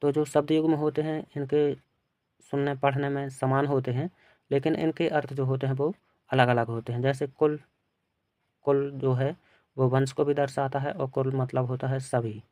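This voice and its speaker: A male teacher working through an exam paper, reading each question aloud and then giving its answer in a plain, steady way. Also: medium pitch, normal speed, pauses often, no echo. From India.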